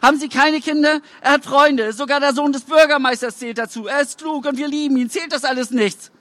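A man's voice: very high voice, steady tone, brisk, pushed and bright, no room sound, pitched above the performer's own voice. A man reading aloud, voicing a mother who pleads for her son in a raised voice. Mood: pleading.

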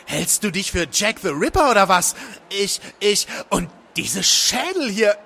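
A shrill, furious young woman, voiced by a male narrator in a storybook reading. She shrieks and scolds in a high, loud, bright voice. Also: sing-song, measured pace, creaky, breathy edge, exaggerated voice. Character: panicked angry young woman, shrill and scornful.

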